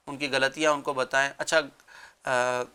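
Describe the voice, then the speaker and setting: A man talking earnestly about gently correcting others on a religious talk show, explaining with pauses. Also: medium pitch, flat delivery, clean tone. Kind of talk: conversational religious advice talk.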